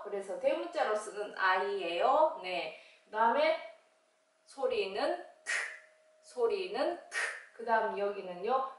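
Woman, phonics teacher for kids, slow drawn-out speech, high-pitched, echoey room, mic at a distance. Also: a bit bright. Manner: slow, drawn-out sounding of letters, cheerful greetings. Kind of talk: children's phonics lesson.

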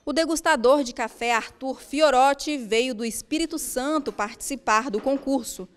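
A woman reporter reading a news voice-over narration in a measured way. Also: high-pitched.

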